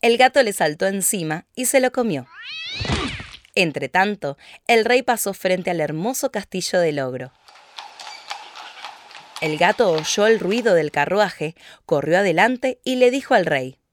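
Woman calmly narrating a fairy tale. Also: fairly low pitch, measured pace, a little hiss or hum. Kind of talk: storybook narration.

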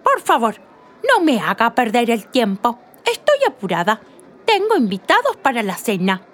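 A woman voicing a stubborn, hurried shopper in a read-aloud play, pushing her words out with emphasis. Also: on the high side, wildly swooping pitch, fairly bright tone. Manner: stubborn, rises to emphatic outbursts.

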